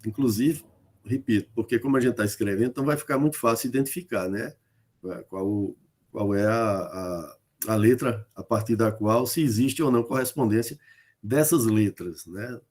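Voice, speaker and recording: A man's voice: fairly low pitch, normal speed, a little mellow. A male lecturer from Northeast Brazil giving an online class, hesitant and full of fillers and tag questions, explaining through spoken examples. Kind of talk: online lecture on rhyme in folk poetry.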